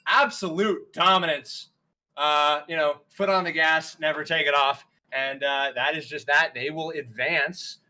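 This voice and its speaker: Bright-voiced, upbeat male esports caster. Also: fairly high pitch, unhurried, hardly any pauses, low-quality recording. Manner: energetic, rambling with many fillers. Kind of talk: live esports commentary.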